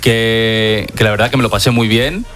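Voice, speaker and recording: A man's voice: on the low side, steady tone, normal speed, a bit bright, faint music behind. A young man from Madrid co-hosting a radio show in a studio, chatting in a friendly, easygoing way. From Madrid, Spain. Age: young adult. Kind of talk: casual chat.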